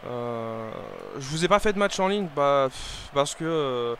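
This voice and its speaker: A young man commenting casually on his own football video game, rambling and hesitant with many fillers and restarts, breaking into excited shouts at the game. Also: mid-range voice, unhurried, slight background noise. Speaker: gaming video creator.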